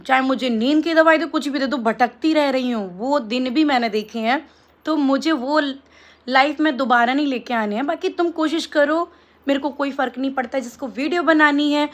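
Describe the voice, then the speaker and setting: A young woman vlogging casually to camera, taunting and sarcastic as she answers critics. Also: high voice. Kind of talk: casual vlog monologue to camera.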